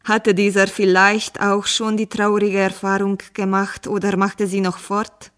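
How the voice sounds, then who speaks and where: A woman reading a fairy tale aloud as a storyteller, measured and unhurried. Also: medium pitch, monotone, clean tone.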